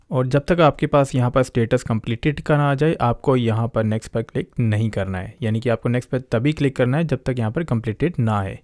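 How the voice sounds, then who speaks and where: A man's voice: mid-range voice, darkish tone, no echo, clean studio sound. A man, teaching an online exam-prep lesson, addressing viewers as guys and repeating each point. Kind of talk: online lesson, reading aloud and explaining.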